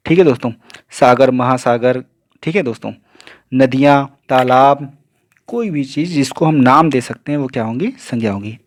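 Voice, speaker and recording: A male teacher giving an exam-prep grammar lesson, asking questions and answering them himself, with a steady refrain of "okay, friends". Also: medium pitch, no room sound, clean studio sound. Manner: repeats "ठीक है दोस्तों" and asks then answers his own questions.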